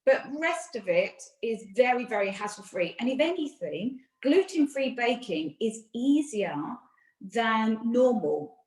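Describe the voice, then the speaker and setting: A woman's voice: on the high side, big pitch swings, unhurried, darkish tone, roomy sound, rough recording. A British woman chef and nutritionist giving a friendly, chatty cookery demonstration from her home kitchen, explaining each step.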